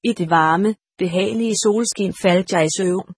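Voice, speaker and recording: Calm woman audiobook narrator, husky tone, dry close read. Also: mid-range voice, no room sound. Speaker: audiobook reader. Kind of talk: storybook narration read aloud.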